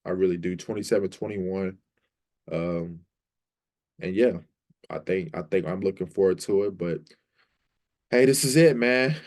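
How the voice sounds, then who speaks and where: A low-voiced man hosts his own sports fan vlog. He rambles casually and eagerly, dropping "man" and "like" into nearly every thought. His deep tone stays relaxed even when he gets excited. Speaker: sports fan channel host.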